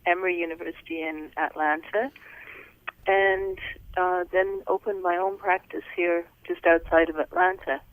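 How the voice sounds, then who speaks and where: Middle-aged woman from Wales, guest calling in by phone: soft, unhurried, smooth-voiced, tinny line. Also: on the low side, flat delivery, dry recording. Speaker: podcast guest, physician. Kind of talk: casual interview talk.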